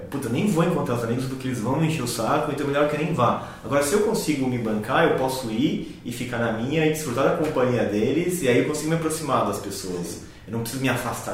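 A man muses quickly and openly, asking questions as he goes and checking that he is followed. The room echoes heavily around him. A faint low rumble sits underneath. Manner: reflective, questioning, checks in with listener. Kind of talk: casual reflective conversation.

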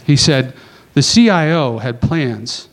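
A man on a conference panel telling a long anecdote in a casual, animated way, acting out the dialogue and tossing in quick asides. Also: medium pitch. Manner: animated, acts out dialogue, chatty asides with "right?".

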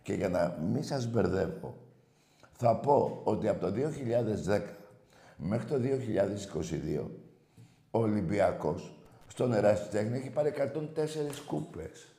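Man, sports radio host, gravelly voice, heated and combative, swearing, bursts of shouting, echoey studio. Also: on the low side, animated. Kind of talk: fan sports talk radio rant.

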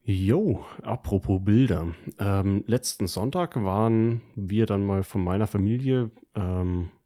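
Chatting casually on a podcast he co-hosts, a man recounts his week in colloquial German full of slang. He speaks slowly in a lowish, mellow voice.

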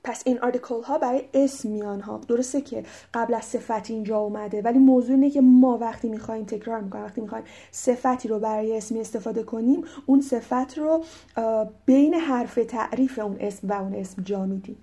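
A woman teaching English, with a Persian accent and a mellow, slightly high voice. She explains patiently and reads the English examples slowly and clearly. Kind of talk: explaining vocabulary.

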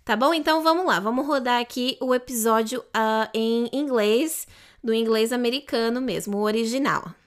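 A woman's voice: fairly high pitch, normal speed. A woman with Portuguese as her first language, patiently explaining an English dialogue line by line and checking in often. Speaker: English teacher.

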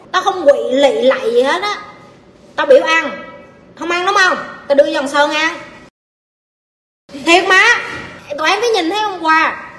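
Forceful, scolding Southern Vietnamese woman at a live Q&A, long hall reverb. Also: very high-pitched, a little hiss or hum. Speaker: speaker answering audience questions. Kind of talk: blunt live Q&A talk. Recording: echoey hall, faint ambience.

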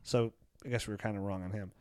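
A man's voice: fairly low pitch, steady tone, fast, darkish tone, dry recording, clean studio sound. A man co-hosting a fantasy football podcast, who rambles, jokes and roasts players in casual chat. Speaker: podcast co-host.

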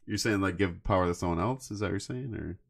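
A man co-hosting a podcast, chatting casually about anime with a rambling, halting delivery. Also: low-pitched, creaky. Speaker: podcast co-host.

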